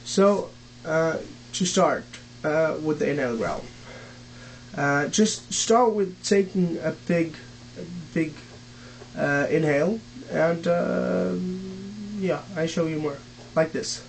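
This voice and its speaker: A young man who is not a native English speaker, teaching vocal techniques in a casual home tutorial, halting with many fillers and restarts. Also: a little high, creaky, a little hiss or hum, rough recording.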